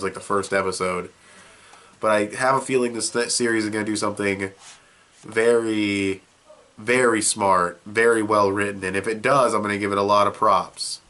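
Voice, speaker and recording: Sniffling through a cold, this young video reviewer talks about a show in a lowish, slightly bright voice. His casual review wanders, offhand and loose, with plenty of fillers and false starts.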